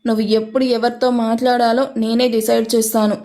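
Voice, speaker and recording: A woman's voice: fairly high pitch, flat delivery, fairly quick, dark tone, close to an everyday voice. A woman voicing a possessive, controlling young husband who gives cold commands in a narrated story. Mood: commanding.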